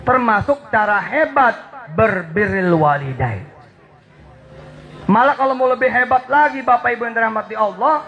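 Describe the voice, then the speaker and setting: A male preacher gives an animated sermon in a high, rough, gravelly voice. He talks straight to his audience and repeats words for effect. He drops to quiet asides and then rises to shouted emphasis. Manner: addresses the audience directly and repeats key words. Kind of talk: sermon at a religious gathering.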